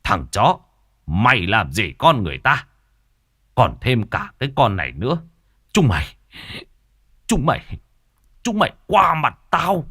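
A man's voice: mid-range voice, wildly swooping pitch, measured pace, long pauses, husky, voice pushed up, heavily acted. Man doing a raging, cursing father. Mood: enraged. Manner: shouting, cursing, scornful. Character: furious middle-aged male theater owner and father.

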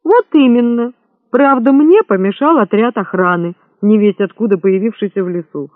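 Insolent boastful young rogue, put on by a male narrator; high, dry, lo-fi. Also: normal speed, dry recording, natural voice. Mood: mocking. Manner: mocking, boastful. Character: brash insolent young man, a sharp-tongued rogue. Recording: thin phone-like sound, dry.

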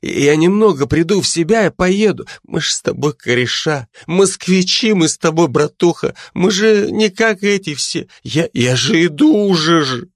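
A man's voice: a little high, lively intonation, moderate pace, few pauses, no room sound, clean studio sound, pitched above the performer's own voice. A man voicing a drunk, frightened man who whines, pleads and slurs his words. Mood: drunk pleading. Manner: whiny, slurred, self-pitying.

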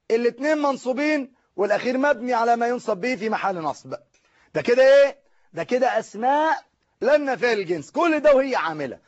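A man's voice: sits high, muffled recording. A man with an Egyptian Arabic accent teaching a live online grammar lesson, explaining step by step and asking and answering his own questions.

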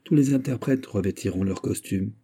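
A man with a husky voice voicing a frightened seventeen-year-old peasant girl who pleads with tension in her voice. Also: on the low side, normal speed, warm tone. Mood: guarded. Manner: pleading, tense, shaken.

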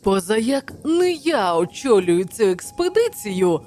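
A woman's voice: medium pitch, very animated, measured pace, faint music behind, pitched above the performer's own voice. A woman doing a blustering, hot-headed old professor. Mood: indignant mocking. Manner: loud, mocking, blustering. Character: hot-tempered bristling older male professor, mocking. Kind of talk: audiobook character voice.

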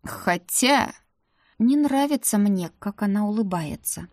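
Stern werewolf matron, voiced by a woman, barking, curt, forceful, dry close sound. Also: medium pitch, animated, unhurried, no echo, close to an everyday voice. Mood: cold. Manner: harsh, barking, through gritted teeth.

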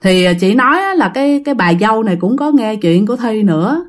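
Southern vietnamese woman, ghost-story narrator, chatty, talks to listeners, lively fairly high voice. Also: fast talker. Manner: chatty, addresses listeners directly.

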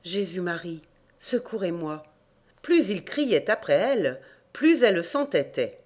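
A man narrating folk legends for a volunteer audiobook, measured and steady. His storytelling moves at an even, unhurried clip, clear and plain, close to a home microphone. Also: sits high. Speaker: audiobook reader. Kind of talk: scripted narration of folk tales. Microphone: home recording mic.

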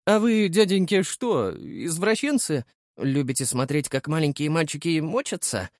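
A man reading an audiobook, voicing a cheeky, quick-witted street boy who mocks and feigns fear. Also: fairly high pitch, lively intonation, no room sound, studio quality, voice pushed up. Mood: mocking. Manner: mocking, feigns childish fear.

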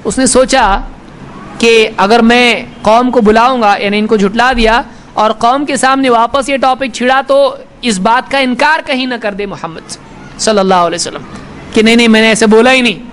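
A man's voice: very high voice, a bit bright, a little hiss or hum. A man giving a sermon, quoting Arabic text and then explaining it in colloquial Urdu, acting out the speakers in the story. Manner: acts out the speakers in the story with changing tone. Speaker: Islamic preacher. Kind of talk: sermon retelling hadith.

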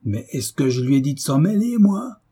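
With a slightly rough, medium-pitched voice and lively intonation at a moderate pace, a man performs a brutish, hot-tempered middle-aged landowner in an audiobook. The character is furious, blustering, cursing and shouting throughout this character reading.

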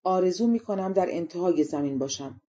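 A woman's voice: on the low side, animated, mellow, close to an everyday voice. A woman voicing a young male soldier who speaks bluntly and mocks himself, in a storybook reading. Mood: cheerful. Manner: blunt, self-mocking. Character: young soldier-king, bold and plain-spoken.

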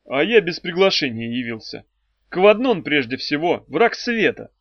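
A man's voice: a little high, lively intonation, measured pace, dry recording. A man voicing a proud, earnest male servant of light who lectures. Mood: defiant. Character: earnest male light being, proud, preachy flute player. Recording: dry, slightly dull audiobook recording.

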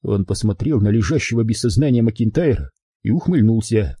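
A man's voice: lowish voice, animated, a little fast, dark tone, breathy edge, dry recording, studio quality. A man narrating a crime audiobook expressively, giving every character his own voice.

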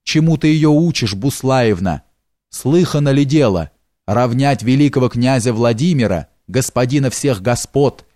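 A man's voice: mid-range voice, darkish tone, no echo, studio quality, close to an everyday voice. A man doing a sly wheedling steward. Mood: alarmed. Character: sly fawning male steward, flattering then fearful.

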